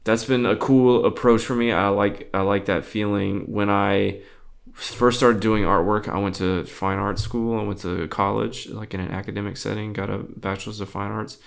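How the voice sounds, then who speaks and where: A young man with a low, gravelly voice talks as a guest on a podcast. He rambles and halts, trailing off and restarting his thoughts as he describes his creative work. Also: fairly even intonation. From Boston area. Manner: rambling, halting, many fillers and restarts. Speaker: artist guest. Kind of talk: casual interview chat.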